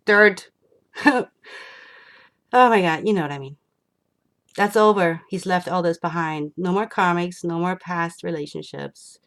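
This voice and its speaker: A woman giving an enthusiastic spiritual tarot reading, excitable and rambling as she turns the cards. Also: fairly low pitch, unhurried, long pauses. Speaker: tarot reader.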